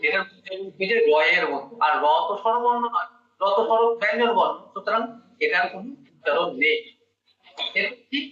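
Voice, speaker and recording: A man's voice: sits high, lively intonation, brisk, sharp tone. A man teaching Bengali grammar one-on-one, explaining step by step and quizzing his student. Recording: dull echoey room, mic at a distance.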